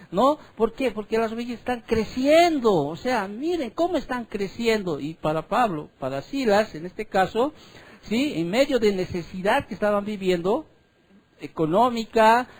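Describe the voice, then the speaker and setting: Man preaching, swinging loud to hushed. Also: high voice. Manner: stretches scripture phrases slowly and loudly, then drops into quick quiet asides; keeps checking in with the congregation with short tag questions. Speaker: pastor. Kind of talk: sermon, Bible exposition.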